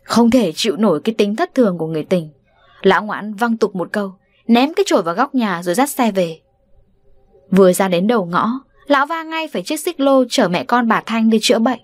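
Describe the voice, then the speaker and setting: A woman narrating an audiobook novel in an expressive storytelling manner. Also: mid-range voice, brisk, dry recording. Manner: dramatic, animated delivery of voices.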